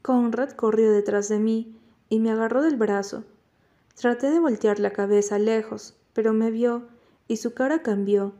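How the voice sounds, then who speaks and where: A woman reading a novel aloud in first person as an audiobook narrator, at a steady, measured pace. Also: fairly high pitch.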